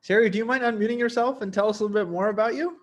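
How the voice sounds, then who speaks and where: A man's voice: high-pitched, racing. A man originally from Lebanon hosting an online medical case session, upbeat and enthusiastic, often playful. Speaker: host. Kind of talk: casual video call chat. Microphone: video call.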